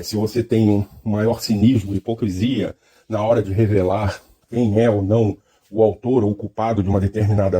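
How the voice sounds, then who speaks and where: A man's voice: fairly low pitch, mellow, breathy edge. A man with a Brazilian Portuguese accent giving a reflective, lecture-style monologue, thoughtful and hesitant, often restarting his phrases. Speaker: speaker.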